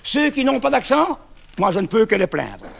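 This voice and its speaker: A man's voice: very high-pitched, very animated, moderate pace, vocal fry. A man with a Brussels accent in a comic sketch, emphatically reciting verse in praise of his accent. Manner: emphatic, proud. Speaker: comic performer.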